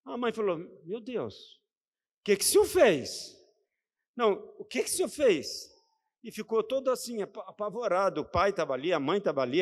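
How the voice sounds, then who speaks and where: A man with a Brazilian Portuguese accent preaches in a fairly high voice. He keeps it conversational and checks in with the congregation through rhetorical questions. His voice rings out with the long reverb of a church hall. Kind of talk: sermon.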